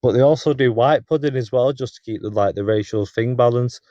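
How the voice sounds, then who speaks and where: A man's voice: medium pitch, fairly quick, dark tone, no echo, highs cut off. A man with an English accent trading dry, sardonic quips in casual podcast banter. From England.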